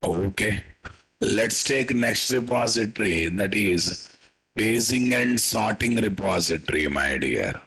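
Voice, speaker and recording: Indian guy w telugu accent teaching coding live, lowish raspy voice, says things twice and keeps quizzing the class. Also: expressive, takes it slowly, fairly bright tone. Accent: Indian, Telugu-influenced. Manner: repeats statements, quizzes listeners with tag questions. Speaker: programming instructor. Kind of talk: live online coding lesson.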